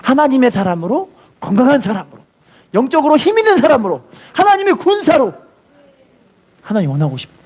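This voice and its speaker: A man's voice: very high voice, sing-song, brisk, a little mellow, husky. A man preaching a sermon as pastor, telling a story and acting out its voices, then leading the congregation to repeat after him. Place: church.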